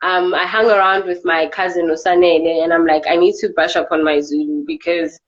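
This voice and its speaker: A woman's voice: lowish voice, steady tone, brisk, lo-fi sound. A South African actress talking casually as an interview guest, chatty and peppering her talk with "you know". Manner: chatty, filler-heavy, repeats "you know".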